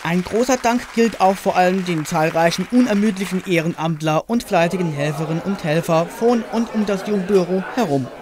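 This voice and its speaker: A man's voice: high voice, a little fast, few pauses, a loud crowd. A male reporter reading an upbeat scripted voice-over for a local event report.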